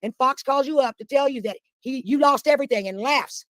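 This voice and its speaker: A woman's voice: high-pitched, fairly quick, a bit bright, no room sound, studio quality. A woman guest on a live chat, ranting bluntly and swearing a lot. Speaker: guest caller. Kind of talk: heated casual chat.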